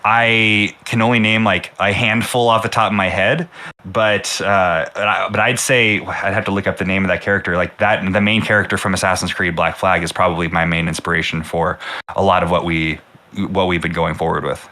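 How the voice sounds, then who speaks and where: A man answering questions in a casual livestream about game design, halting and full of fillers. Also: deep voice, steady tone, pushed and bright.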